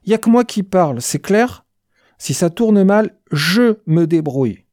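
A reader voicing a cool-headed male soldier who leads his squad with calm, insolent composure, in an audiobook. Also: mid-range voice, measured pace, no room sound, clean studio sound, voice pushed up, close to an everyday voice. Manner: unflappable, calmly insolent. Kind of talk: audiobook character voice.

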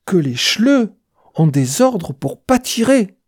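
A reader voicing a cool-headed male soldier who leads his squad with calm, insolent composure, in an audiobook. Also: mid-range voice, takes it slowly, breathy edge, dry recording, studio quality, pitched above the performer's own voice, exaggerated voice. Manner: unflappable, calmly insolent. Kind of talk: audiobook character voice.

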